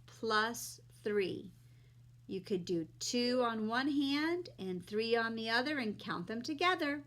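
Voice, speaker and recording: A woman's voice: on the high side, fairly bright tone. A woman teaching young children like a kids' show host, explaining simply step by step and asking her listeners questions.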